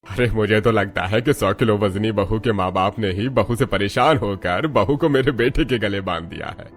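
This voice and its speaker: A man's voice: lowish voice, moderate pace, lightly acted. A man doing a mocking old father-in-law.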